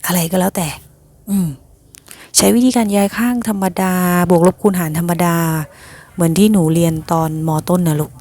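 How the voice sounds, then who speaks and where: A woman's voice: fairly low pitch, moderate pace, warm tone, no echo. A woman teacher patiently explaining a math lesson to her students, often calling them "child" affectionately.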